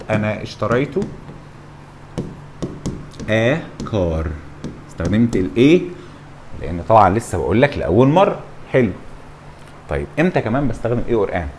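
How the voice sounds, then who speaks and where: A man's voice: mid-range voice, background noise. A young man with an Egyptian Arabic accent teaching English grammar, acting out both teacher and student in a mock back-and-forth. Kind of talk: lively classroom-style lecture.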